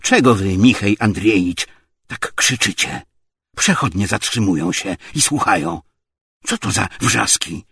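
A man's voice: lowish voice, animated, a little slow, vocal fry, fairly bright tone, husky, no room sound, clean studio sound, heavily acted. A man voicing a middle-aged landlady who asks reproachful questions.

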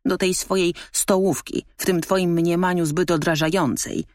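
A woman voicing a sly, cheeky little raccoon in a storybook reading, speaking in a high, teasing, sarcastic voice. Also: very animated, a little slow, no room sound, studio quality. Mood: mocking.

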